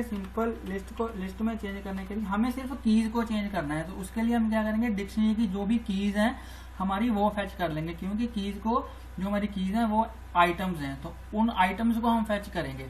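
Woman tutor, mid pitch, narrating a coding screencast over a computer mic, faint background hiss. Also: darkish tone, low-quality recording. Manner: talks through each step as she types, repeating phrases. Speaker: programming tutor.

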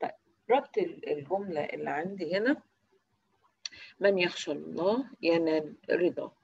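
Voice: mid-range voice, lively intonation, moderate pace, gravelly, a little mellow, husky, no room sound. A teacher with an Egyptian Arabic accent, in the middle of their range, runs through grammar review points. The teacher keeps asking small quiz questions and then answers them, and drills example words one at a time. The recording is dry and slightly muffled.

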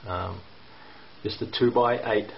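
Speaking with fairly even intonation and a creaky, fairly low voice, a middle-aged renovation contractor leads a walkthrough video tour, explaining things but stumbling over frequent "um"s and "uh"s. He's captured by a handheld camera mic in a bare brick basement with a roomy sound. There's a faint hiss under the dull, lo-fi audio.

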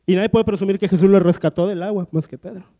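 A pastor preaches with a high, mellow voice, breaking into little acted-out scenes as he retells the stories. His words ring through a large hall with a long reverb. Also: fast talker. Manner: storytelling preacher acting out Bible dialogue. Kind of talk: sermon. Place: church hall.

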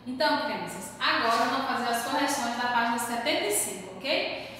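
A high, bright-voiced woman from Brazil gives a children's lesson, sounding far from the mic in a very echoey room with faint hiss. She talks slowly, spelling out each word carefully and calling herself by her own name. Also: lively intonation. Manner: slow, careful word-by-word dictation, stressing syllables; calls herself "tia" in the third person. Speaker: primary school teacher. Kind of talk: remote class lesson, correcting exercises.

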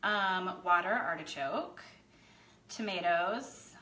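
A woman's voice: on the low side, slow, pushed and bright, echoey room. A woman co-hosting a casual chat while mixing drinks, bubbly and self-deprecating. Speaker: co-host.

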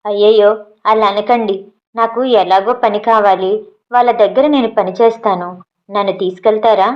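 A woman voicing a shy, humble young woman who speaks softly and pleadingly. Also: medium pitch, steady tone, normal speed, lightly acted. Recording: dull lo-fi audio.

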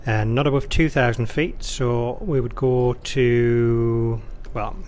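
This man talks slowly, his darkish, medium-pitched voice keeping a fairly even intonation. He is an air traffic controller giving a casual instructional walkthrough laced with radio phraseology, positioned next to a touchscreen in an indoor control room or workstation.

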